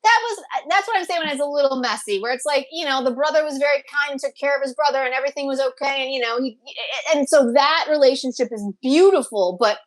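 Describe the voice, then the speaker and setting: A woman co-hosts a casual, opinionated drama review show, talking fast in a high voice with hardly any pauses. She gushes and speaks emphatically, often repeating phrases for emphasis.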